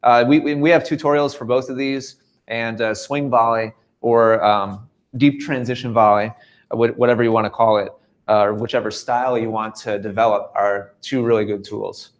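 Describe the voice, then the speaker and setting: A man's voice: medium pitch, steady tone, normal speed. Man hosting a live tennis chat. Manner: hesitant, frequent uh fillers and restarts. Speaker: host and tennis coach. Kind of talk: live coaching panel chat.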